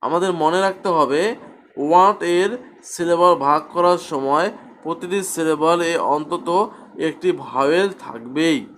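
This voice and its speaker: A man's voice: a little high, fairly bright tone, slight background noise. A man teaching a grammar lesson, asking his own questions and answering them. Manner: repeats questions and answers them himself, slow and deliberate.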